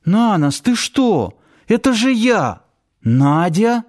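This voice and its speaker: A tearful young woman in an audiobook, her voice lifted well above the reader's own, as a man puts her on. She scolds and sobs in high, emotional bursts, slightly louder than the narration. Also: big pitch swings, slow, full character voice. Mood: surprised.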